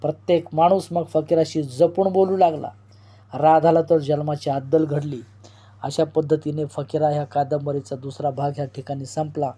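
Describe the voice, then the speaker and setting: A man reading a novel aloud as a storyteller and channel host, in an expressive, dramatic way. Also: on the high side, normal speed.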